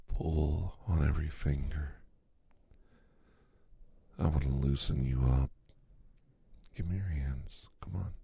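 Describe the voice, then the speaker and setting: Man, ASMR role-play, soft sultry half-whisper, husky, dry close sound, slow. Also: extremely low pitch, no room sound. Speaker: ASMR creator.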